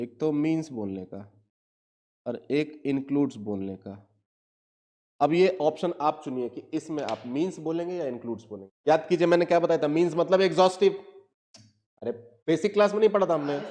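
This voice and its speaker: A man lectures on law in a fairly high voice. He keeps asking his students whether they are following him, and he spells out each definition slowly. Every few sentences he turns the point back to them as a question. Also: darkish tone. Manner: asks students constant check questions; reads legal definitions slowly word by word. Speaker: teacher.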